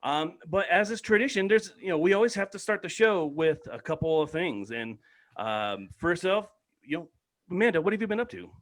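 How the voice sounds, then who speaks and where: A man hosting a casual podcast over a video call, lively and teasing with his guests. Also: sits high, normal speed. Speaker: podcast host.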